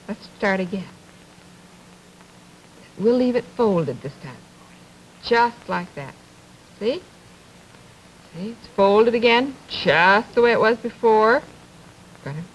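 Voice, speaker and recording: A woman with a mid-range voice hosts a children's television programme from the 1950s. She speaks to small children in short, simple phrases and often turns them into questions, stretching words in a gentle sing-song. The old broadcast recording carries a faint layer of noise. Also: mid-range voice, muffled recording. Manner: slow, simple phrasing with frequent questions to the young listener. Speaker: children's TV show host. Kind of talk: instructional chat to young children, 1950s television presenting.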